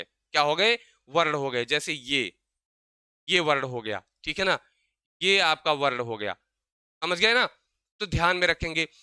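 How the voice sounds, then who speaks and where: A young man teaching an exam-prep grammar lesson. He keeps asking his own questions and answering them, and he slows down to spell out sounds. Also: high voice, pushed and bright, clean tone, no echo.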